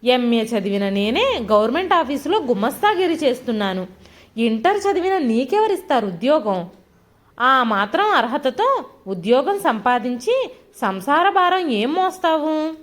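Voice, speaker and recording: A bullying husband in a storybook drama, all contempt and ridicule, as a woman narrator plays him. His voice rides high and jumps about with scorn. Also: big pitch swings, unhurried. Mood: mocking. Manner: mocking, contemptuous. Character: scornful shouting male husband, middle-aged.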